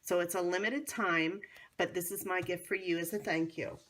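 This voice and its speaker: An American woman with a hoarse, cold-affected voice hosts a casual how-to craft demonstration in a chatty, enthusiastic way. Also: fairly low pitch, fairly even intonation, moderate pace, fairly bright tone, rough recording. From North Carolina, United States. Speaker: craft tutorial host.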